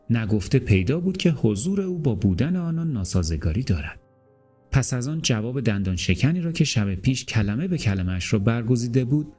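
A man reading a literary novel aloud as an audiobook narrator, in a measured, calm and deliberate way. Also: medium pitch, husky.

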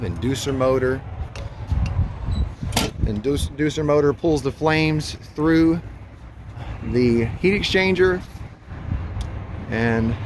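A man in his thirties, an HVAC technician, casually talking viewers through a rooftop unit repair while he works. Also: medium pitch. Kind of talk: casual on-the-job instruction. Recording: outdoor traffic noise behind.

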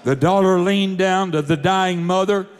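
A man's voice: high voice, a little slow, clean tone. A man preaching, telling a testimony in a fervent storytelling manner. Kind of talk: sermon testimony.

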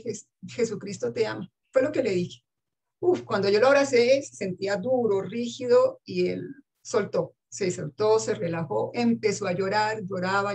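A woman, an English teacher telling stories earnestly in a casual interview, with soft laughs. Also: mid-range voice, husky.

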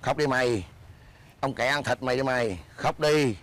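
An actor playing a scheming, bossy beggar husband in a comedy sketch, scolding in loud banter. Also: male voice, medium pitch, normal speed, lightly acted. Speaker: comic actor.

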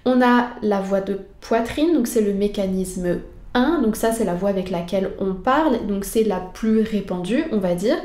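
A woman's voice: mid-range voice, normal speed, dark tone, roomy sound. A woman singing teacher patiently explaining vocal technique straight to the viewer.

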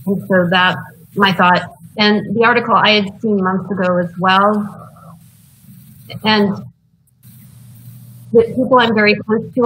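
Slow, hesitant woman on a video call. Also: medium pitch, a bit bright, slight background noise, poor audio. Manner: thoughtful, hesitant, many fillers. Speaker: committee member.

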